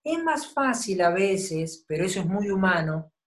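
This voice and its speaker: Woman preaching a Bible lesson in a sermon. Her pitch sits in the middle of the range. She talks in an explanatory way and keeps checking that her listeners follow. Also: very animated, a little slow. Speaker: Bible teacher. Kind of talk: teaching sermon.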